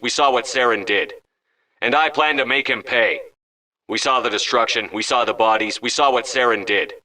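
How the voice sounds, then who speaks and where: A male actor voices a resolute, stern starship commander for a video game, firm, controlled and commanding. His mid-range voice sounds pushed and bright, and the recording is low quality.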